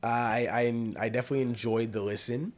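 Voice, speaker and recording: A man's voice: medium pitch, fairly even intonation, fairly quick. A young man hosting a podcast, chatting casually with lots of fillers and slang. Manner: laid-back, filler-heavy, loose slang. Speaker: podcast host. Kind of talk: casual chat.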